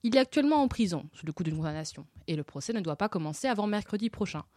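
A woman's voice: medium pitch, animated, very fast, darkish tone, no room sound, studio quality, close to an everyday voice. A woman reading as a breezy, fussy queen. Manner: breezy, matter-of-fact. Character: fussy absent-minded queen, adult woman.

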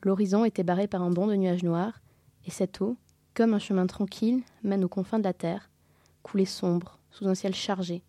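A woman reading a classic novel aloud, narrating in a measured, dramatic way and voicing the dialogue. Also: medium pitch, steady tone, dark tone, no room sound. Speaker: audiobook reader. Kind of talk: scripted literary narration.

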